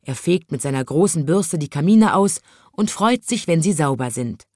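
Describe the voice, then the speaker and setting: A woman reading a children's story aloud, in a gentle, even storytelling manner. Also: deep voice, normal speed, dry recording, clean studio sound.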